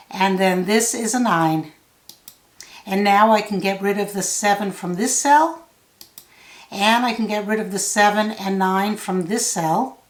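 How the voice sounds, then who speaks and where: A woman giving a solve-along tutorial, thinking out loud step by step in a measured way. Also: mid-range voice. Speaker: puzzle tutor. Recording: roomy, echoey sound.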